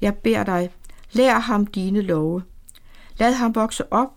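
A woman voicing an anxious old grandfather who speaks softly and prays in a hushed, pleading way. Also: medium pitch, lightly acted. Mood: pleading prayer. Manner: soft, hushed pleading prayer.

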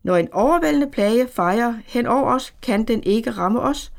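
A woman's voice: fairly high pitch, expressive, gravelly. A woman reading the part of a stern male prophet who proclaims judgment in a firm, solemn voice.

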